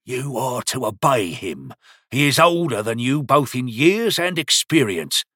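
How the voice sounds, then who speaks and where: A commanding old grandfather laying down the law, voiced by a male narrator. His voice is husky and dry, a touch higher than the narrator's own, with lively rises and falls. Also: measured pace, no room sound, exaggerated voice. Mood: firm. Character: firm old grandfather giving orders.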